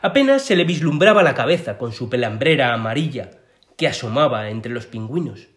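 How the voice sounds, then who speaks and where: Guy narrating a kids story, mid pitch, very melodic sing-song reading. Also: big pitch swings, a little fast.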